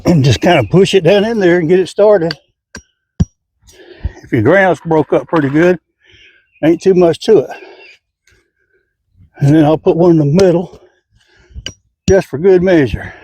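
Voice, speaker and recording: A man's voice: a little high, a little slow, pauses often, dark tone, slight background noise. An older man, explaining his garden work step by step in a plain-spoken, folksy way while outdoors. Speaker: home gardener. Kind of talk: casual how-to garden vlog.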